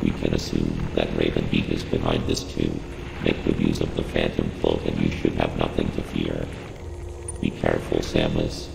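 Cold and measured, a robot-processed computer intelligence gives a scripted mission briefing in a video game, voiced by a man in a full character voice. His pitch is extremely low and gravelly, the tone monotone at normal speed, and the manner formal, clipped, emotionless, and instructing. Loud ambient noise and echoing reverb fill the game audio.

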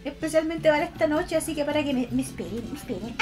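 A woman with a Chilean accent chatting casually on a livestream to her viewers, expressive and affectionate in a cutesy, girlish e-girl manner. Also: high voice, quick pace. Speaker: VTuber art streamer. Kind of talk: casual livestream chat, reading and answering viewers' comments. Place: indoors at a computer. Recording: music behind the voice.

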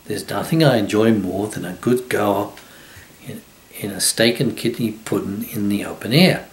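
An older man voicing a courteous, refined koala gentleman. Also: fairly low pitch, moderate pace, echoey room, close to an everyday voice. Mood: genteel. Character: polite, genteel koala gentleman.

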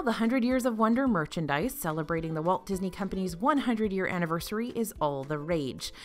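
Female host, fairly high voice that jumps around, bubbly, with soft music behind. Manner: bubbly, upbeat, chatty asides. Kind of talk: scripted travel explainer.

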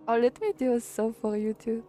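A woman from France, streaming a game, reading its story aloud and reacting excitably with gasps and laughs. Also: a little high, brisk, soft background music.

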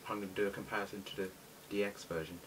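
A man's voice: lowish voice, little pitch movement, racing, recorded from a distance. A British man gives casual, eager commentary while unboxing toys at home. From Britain. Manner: chatty, eager toy-collector enthusiasm. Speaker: toy reviewer. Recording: noisy home recording with clicks.

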